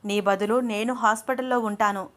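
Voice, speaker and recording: A woman's voice: steady tone, moderate pace, close to an everyday voice. A woman doing a jealous, fiery young woman. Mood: jealous angry. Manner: sharp, indignant, raised pitch. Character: young woman, jealous, quick-tempered, lovestruck.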